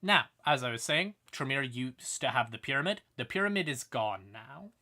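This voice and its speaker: This livestream host explains lore conversationally, swearing freely as he goes. His mid-pitched voice has a bright, punchy tone, with lively intonation at a normal speed.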